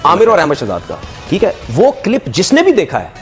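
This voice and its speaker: A man's voice: sits high, huge pitch swings, brisk, faint music behind. A man on a talk show, scornful and questioning as he criticizes. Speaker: commentator.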